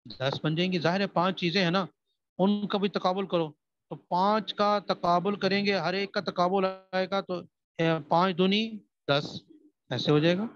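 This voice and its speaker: Man teaching a classroom recitation lesson, pitched a bit high, quizzing students, close dry and slightly muffled sound. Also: no echo. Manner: repeats questions and answers them, checks understanding.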